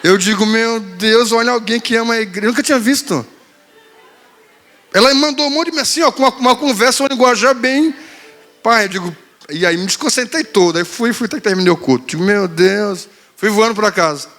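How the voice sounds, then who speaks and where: A man's voice: very high voice, expressive, fairly quick, bright, forceful tone, in a large hall. A male pastor preaching a sermon, telling a story in a playful way and acting out quotes. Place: church hall.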